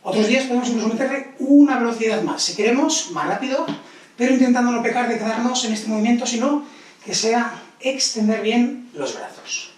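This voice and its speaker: A male fitness instructor leading a guided exercise class, counting repetitions aloud and giving brisk, encouraging cues. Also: extremely high pitch, animated. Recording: very echoey room, voice distant from mic.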